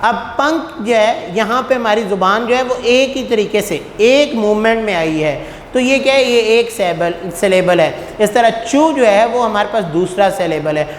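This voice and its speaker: Man as a patient schoolteacher, booming reverb, faint background hiss. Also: animated, moderate pace. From Pakistan. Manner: patient, poses rhetorical questions, calls students "beta". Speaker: teacher. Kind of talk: classroom lecture. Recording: echoey room with long reverb, faint noise.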